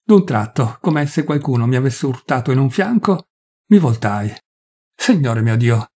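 Dark husky male story reader. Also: mid-range voice, sing-song. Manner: measured storytelling, confiding. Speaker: audiobook reader. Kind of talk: literary audiobook narration.

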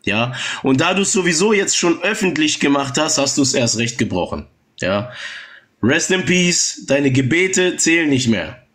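Male stream host, casual chat; calm, mocking delivery full of tag questions; mixes German and English. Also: fairly high pitch, a little slow. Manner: switches between German and English. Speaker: livestream host.

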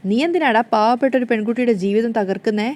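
Woman reading a bold young wife, defiant and scolding, fast lines. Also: a little high, darkish tone, lightly acted.

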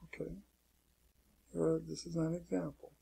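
A man's voice: on the high side, completely flat delivery, a little slow, vocal fry, warm tone, breathy edge. A man teaching an online marketing lesson in a loose, casual way, often saying "okay" and repeating his warnings. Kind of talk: casual screen-share tutorial.

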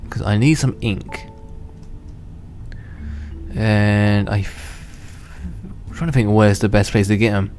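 Speaking slowly and pausing often, a young gaming channel host talks through his game in a rambling, casual way. His fairly low, darkish voice sounds a bit worn from being unwell, and he chuckles and restarts sentences. Faint background music runs under him.

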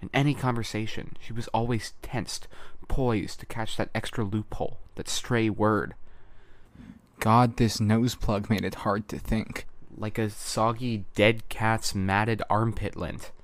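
A man narrating an audiobook chapter in a measured, even storytelling manner. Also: lowish voice, no echo. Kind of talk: scripted narration.

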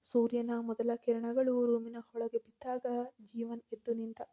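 A woman narrating a scripted story with steady, measured reading. Her voice is fairly high yet very dark and mellow in tone, and it stays flat and even throughout.

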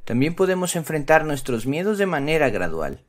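A man's voice: a little high, big pitch swings, moderate pace. A man presenting scripted narration for children, instructive and speaking to them directly. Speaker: presenter of a children's psychology channel.

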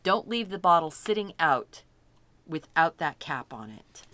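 A woman's voice: low-pitched, very animated, measured pace, pushed and bright, no echo. A middle-aged woman teaching a step-by-step painting lesson, chatty and thinking aloud as she works, delighted by her own results. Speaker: art instructor.

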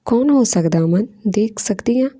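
A woman's voice: a little high, lively intonation, moderate pace, mellow, pitched above the performer's own voice. A woman doing an emotional young mother. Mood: earnest.

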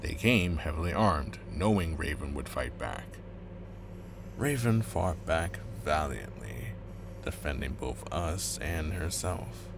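Over music, a man with an extremely low, slow voice and vocal fry plays a ruthless, coldly calculating corporate agent in an audio drama. His heavily acted, expressive performance stays controlled and menacing throughout.

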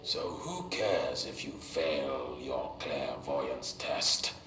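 Acting on a children's educational TV show, a man with a bass voice plays an avuncular puppet-show host uncle, explaining things to a child in an extremely slow, exaggerated, patronizingly cheerful singsong. The room is echoey with faint noise.

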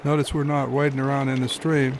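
A man's voice: mid-range voice, little pitch movement, quick pace, a little hiss or hum. A man hosting and narrating his own fishing video in an easygoing, folksy explaining manner. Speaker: fly-fishing guide and host.

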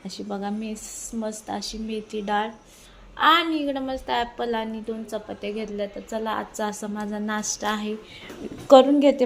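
A middle-aged woman chats informally for a home cooking vlog, hoarse from a sore throat, her voice giving out. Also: on the high side, slight background noise. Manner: chatty, repetitive, informal. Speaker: homemaker video blogger. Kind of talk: casual cooking vlog chat. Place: home kitchen.

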